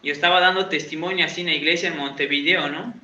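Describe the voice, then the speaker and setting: Preaching fast in a slightly high, bright and forceful voice with a steady tone, this evangelical pastor hails from Santiago, Argentina. His conversational sermon at a church in Uruguay includes quizzing the congregation and self-deprecating humor, heard through echoey, dull lo-fi audio.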